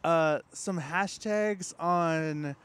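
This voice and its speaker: A man appearing as a podcast guest and trombone player, telling his story in animated casual chat with frequent laughs. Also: on the high side, extremely slow, smooth.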